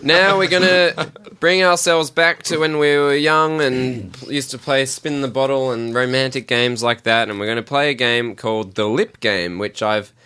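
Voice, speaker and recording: A man's voice: medium pitch, fairly even intonation, normal speed, pushed and bright, clean tone. A man co-hosting a podcast, explaining a party game's rules in casual, giggly banter. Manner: explaining rules, laughing often. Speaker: podcast co-host running a game.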